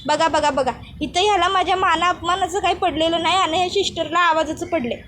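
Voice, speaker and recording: A woman's voice: very high voice, steady tone, fairly quick, fairly bright tone, a little hiss or hum. A woman voicing a quarrelsome old village grandmother who wails and scolds in rustic speech. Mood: indignant. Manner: wailing rustic dialect, scolding.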